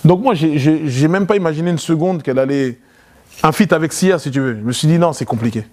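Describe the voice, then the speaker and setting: A man, a guest in a casual interview, telling a story in an animated way. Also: brisk. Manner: animated, acts out quotes in a loud high voice.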